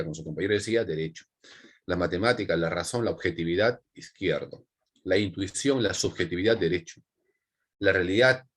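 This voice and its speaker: A man's voice: deep voice, husky. A man with a Peruvian Spanish accent, giving an online psychology lecture, repeating points and checking in with "¿no?" and "¿ya?". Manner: repetitive, asks for checks with "¿no?" and "¿ya?". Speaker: psychology teacher.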